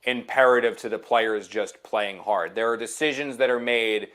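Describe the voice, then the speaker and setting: A man's voice: fairly low pitch, moderate pace, fairly bright tone. A man working as an NFL insider in a casual sports chat, emphatic and repeating phrases to drive his points home.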